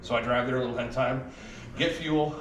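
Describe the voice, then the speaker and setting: A man's voice: medium pitch, fairly even intonation, fast talker, a bit bright. A man casually tells a rambling, profane story about a police visit and acts out what people said. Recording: roomy, distant, noisy video clip.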